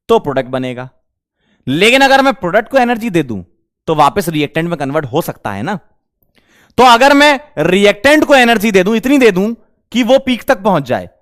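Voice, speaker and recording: Guy teaching chem in class, high smooth voice, keeps asking the students questions. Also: fairly bright tone. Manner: quizzing students with quick questions. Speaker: chemistry teacher. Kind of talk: classroom lecture.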